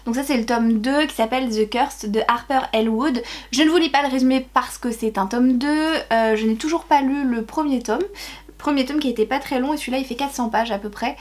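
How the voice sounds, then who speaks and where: A woman's voice: sits high, brisk, darkish tone. A young woman chatting casually as a book YouTuber, unboxing with rambling, hesitant talk and gushing exclamations.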